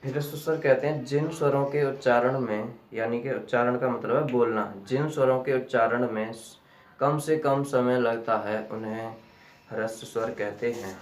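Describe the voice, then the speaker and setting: A man teaching a grammar lesson slowly, repeating key terms back as questions to his students. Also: mid-range voice, fairly even intonation. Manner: slow and deliberate. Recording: echoey room, voice from a distance.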